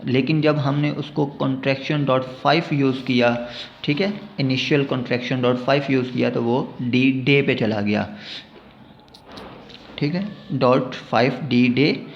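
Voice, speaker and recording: A man with a Pakistani Urdu accent teaching a braille lesson, explaining step by step and often checking in with a quick "okay". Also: mid-range voice, steady tone, creaky. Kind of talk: spoken lesson. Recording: dull lo-fi recording with faint noise.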